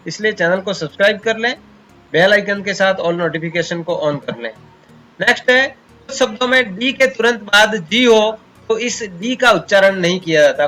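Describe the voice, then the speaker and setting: A man teaches English pronunciation, spelling words out slowly sound by sound and posing questions to viewers that he answers himself. His voice is high, pushed, and bright.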